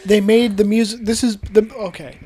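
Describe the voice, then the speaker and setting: A woman co-hosting a casual movie podcast, teasing the others with quick jokes. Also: medium pitch, steady tone, warm tone. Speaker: podcast co-host.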